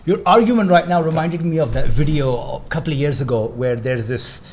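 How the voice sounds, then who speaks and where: A man co-hosting a casual chat, reading out comments with quick, wry interjections. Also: a little high, a little mellow, a little hiss or hum. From Pakistan. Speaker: co-host.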